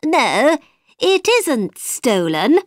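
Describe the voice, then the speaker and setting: A woman's voice: high voice, sing-song, drawn-out words, no room sound, clean studio sound, pitched above the performer's own voice, full character voice. A woman voicing a nervous, muddled male hatter who pleads and fumbles in court. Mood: pleading. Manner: flustered, pleading.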